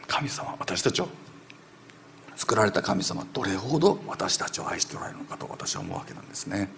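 Male preacher, low gravelly voice, rapid storytelling sermon with faint room noise. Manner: animated, acts out quoted voices, drops to whispers.

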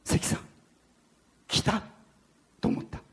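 A preacher delivering a sermon, animatedly telling a story and then drawing out its lesson. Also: slow pace. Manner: animated storyteller, shifts between narration and quoted voices.

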